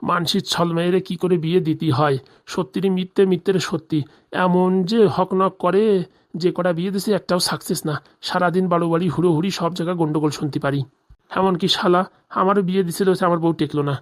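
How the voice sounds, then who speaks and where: Lightly acted, fast, and steady in tone, a man's high-sitting voice brings to life a comedy cartoon's jilted village husband of about forty. Indignant and scheming, the character grouses and swears in plain rural slang.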